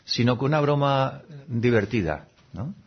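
Husky man, reflective talk. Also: medium pitch, animated. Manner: gentle, unhurried, acts out little voices and laughs now and then. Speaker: speaker giving a talk on habits. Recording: dull, lo-fi recording.

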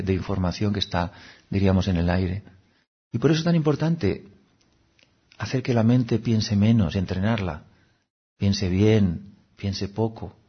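A man, giving a calm, reflective spiritual talk in an unhurried, musing way with frequent "no?" asides. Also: on the low side, husky, lo-fi sound. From Seville, Spain. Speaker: spiritual teacher.

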